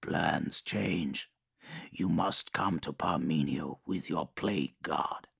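A man voicing an ancient, menacing male demon lord who speaks in slow, low, measured threats. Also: gravelly, fairly bright tone, husky, dry recording, clean studio sound, full character voice. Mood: cold, menacing.

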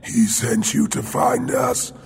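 A man voicing a sinister adept merged with an alien hive, speaking in a slow, breathy, gravelly whisper that rises into cries. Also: lightly acted. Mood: fervent. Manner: slow, hissing, gloating, rising to cries. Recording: noisy background.

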